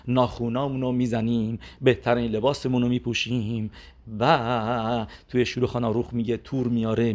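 A man teaching a religious class, telling an anecdote in a conversational way with fillers and restarts, acting out the quoted lines. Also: mid-range voice.

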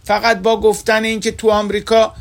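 A man's voice: high voice, completely flat delivery, creaky. A man delivering an earnest sermon as a religious teacher, retelling stories and speaking directly to his listeners. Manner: earnest storytelling, addresses listeners as dear friends.

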